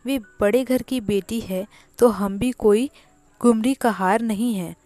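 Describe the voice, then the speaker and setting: A woman's voice: a little high, slow, warm tone, no room sound, soft background music. A woman voicing a hot-tempered, rude young village man in a storybook reading, with a curt, scolding delivery. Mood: angry.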